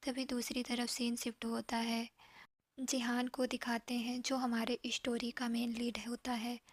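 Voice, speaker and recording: Woman telling a story in flat Hindi tones. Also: a little high, a little slow, no room sound. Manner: often drops to an unvoiced whisper; chatty, asides to listener. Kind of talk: casual storytelling narration with quoted dialogue.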